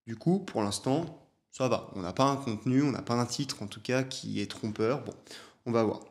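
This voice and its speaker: A man's voice: medium pitch, moderate pace, slight background noise. A young adult man, a chiropractor, giving casual reaction commentary on a video, chatty and hesitant with fillers.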